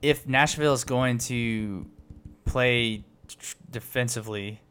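A man's voice: mid-range voice, takes it slowly, a bit bright, clear, resonant tone. A man co-hosting a casual sports podcast, easygoing and conversational, often correcting small details. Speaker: podcast co-host.

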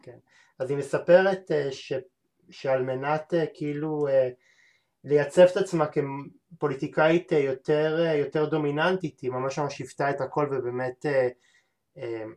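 A man's voice: a little high, steady tone, darkish tone. A man hosting an interview podcast, talking hesitantly with many filler sounds and restarts. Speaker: podcast host. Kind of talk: interview conversation.

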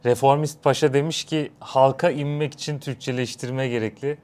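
A man's voice: medium pitch, steady tone, moderate pace, a little mellow. A young man co-hosting a casual live stream, wry and teasing, correcting his partner's word choices. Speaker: co-host.

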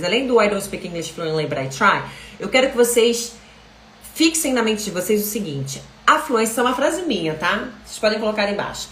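A woman with a Brazilian Portuguese accent, a language coach talking to viewers in a chatty, animated live stream. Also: medium pitch, echoey room, a little hiss or hum, rough recording.

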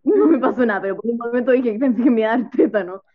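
A woman's voice: a little high, animated, very fast. A young woman with a Chilean accent telling a story in casual chat, rambling and full of fillers. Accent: Chilean Spanish. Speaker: storyteller guest. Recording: dull lo-fi dry sound.

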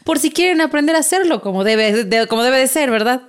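A woman's voice: high voice, expressive, fairly quick, smooth. A woman speaking as a podcast guest in frank, teasing, casual conversation. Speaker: podcast guest, sex educator. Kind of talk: casual, playful chat.

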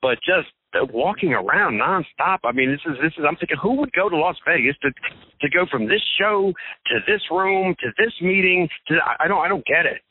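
A man's voice: a little high, expressive, fairly quick, breathy edge, no room sound. Rambling man on a tinny phone line. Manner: rambling, joking, stammering. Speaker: regular co-host calling in. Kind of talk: casual podcast chat. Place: Las Vegas hotel.

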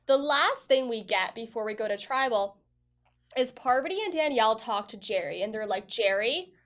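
A woman co-hosting a podcast, casually recapping a reality show episode with swearing and lively quoted voices. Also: on the high side, normal speed. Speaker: podcast co-host.

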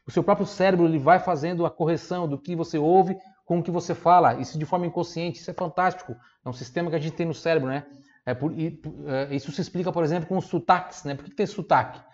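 A man's voice: on the high side, darkish tone, lo-fi sound. Chatty southern Brazilian man teaching. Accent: southern Brazilian, Santa Catarina. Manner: chatty, repeats tag questions, drills words slowly. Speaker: Italian teacher. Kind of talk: online language lesson.

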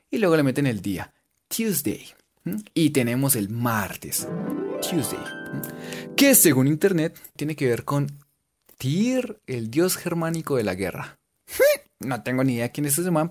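A young man teaching English pronunciation in a casual video lesson, joking and drilling words slowly. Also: medium pitch.

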